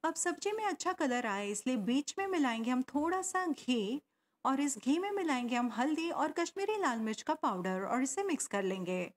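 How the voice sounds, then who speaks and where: Woman, recipe voice-over, high voice, very lively pitch. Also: moderate pace. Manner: explanatory, gives step-by-step tips. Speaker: cooking channel host.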